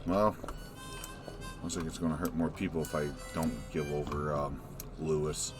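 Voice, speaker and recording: A man's voice: very deep voice, fairly even intonation, moderate pace, over music. A man giving casual gameplay commentary, musing to himself in a wry way as he plays. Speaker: gamer narrating playthrough.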